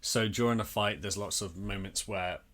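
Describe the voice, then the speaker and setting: A man's voice: fairly low pitch, normal speed, a bit bright. A man co-hosting a podcast, recapping an episode in informal, sweary, casual chat and acting out paraphrased lines. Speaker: podcast co-host.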